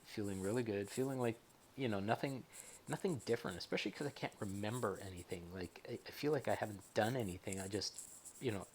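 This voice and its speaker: A man talking casually and a bit hesitantly in a rambling personal vlog from his bedroom, as a patient giving a recovery update. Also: low-pitched. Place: bedroom at home.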